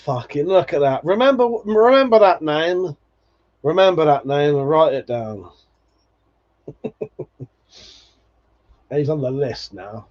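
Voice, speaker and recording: Taking it slowly and pausing often, a man in his forties hosts a live stream with a fairly high pitch and lively intonation. He reads viewer comments casually and nostalgically, laughing often and swearing freely. It's captured in dull lo-fi stream audio.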